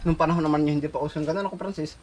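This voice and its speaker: A high-pitched man chats over a meal and spins a long, rambling story, often breaking into laughter. Faint background noise with roosters and chickens sits behind his voice. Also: fairly even intonation, racing, a little mellow. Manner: chatty, laughs often while telling a story. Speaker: vlog host.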